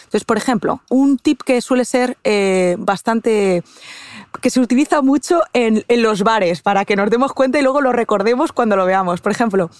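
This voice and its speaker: A woman's voice: a little high, normal speed, darkish tone, dry recording. Spanish woman explaining habits, dry sound. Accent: Spanish from Castilla-La Mancha. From Castilla-La Mancha, Spain. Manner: explanatory, frequent "eh" fillers and restarts, addresses host directly. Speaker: guest expert on habits. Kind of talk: conversational interview.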